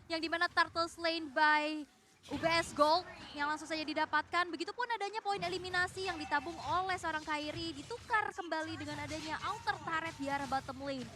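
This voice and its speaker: An Indonesian woman working as an esports shoutcaster, giving live game commentary. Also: very high-pitched, a little fast.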